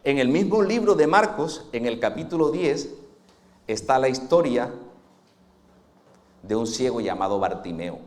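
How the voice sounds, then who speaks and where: A pastor giving a Sunday sermon, dramatic, moving between hushed and loud passages. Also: male voice, medium pitch, expressive, measured pace, long pauses.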